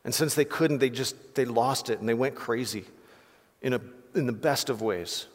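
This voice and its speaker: A man preaching a sermon as pastor, passionate and conversational, with quick restarts and casual asides. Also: mid-range voice. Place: church hall. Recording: reverberant hall.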